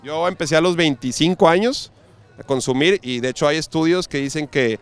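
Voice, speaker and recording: Speaking briskly in a clean, fairly high-pitched tone, a Mexican-accented man in his thirties conducts a casual street interview. Handheld mic in hand, he trades slangy, joking banter with passersby outdoors on a busy seaside pier.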